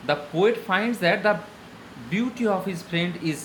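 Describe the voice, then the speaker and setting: A middle-aged man with a Bengali accent lecturing as a high school English teacher, slow and deliberate in English, quicker in Bengali. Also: noisy background. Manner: switches between slow deliberate English and rapid explanatory Bengali. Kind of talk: classroom lecture.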